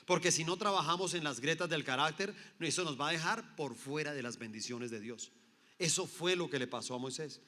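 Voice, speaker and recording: Male pastor, high bright voice, emphatic sermon delivery, rhetorical questions to the crowd, echoey hall. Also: a little fast.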